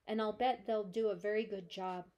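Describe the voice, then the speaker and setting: A woman voicing a cheerful, curious male hamster class pet in a storybook read-aloud, talking in a squeaky, friendly, eager way. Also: fairly even intonation, moderate pace, a little mellow, lightly acted.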